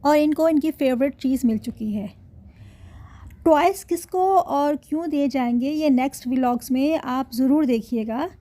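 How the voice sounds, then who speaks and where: This Pakistani vlogger's voice sits high with a dark tone, moving at normal speed as she chats through her family vlog. Frequent laughter punctuates her talk, and she speaks straight to viewers.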